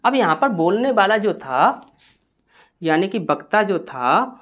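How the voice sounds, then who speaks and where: A man's voice: high voice, very animated, slow pace, a bit bright, muffled recording. A male teacher giving a grammar lesson in a patient, step-by-step classroom manner. He keeps posing rhetorical questions to his students and then answers them himself.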